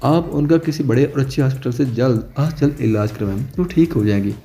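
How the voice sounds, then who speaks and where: Serious male doctor, voiced by a man; calm, measured storybook reading. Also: medium pitch, close to an everyday voice. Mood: grave.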